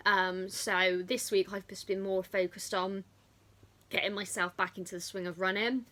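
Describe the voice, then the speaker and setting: A woman's voice: medium pitch, level tone, moderate pace, bright, forceful tone. A woman chatting casually as a fitness vlogger, rambling off on tangents. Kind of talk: casual chat to camera.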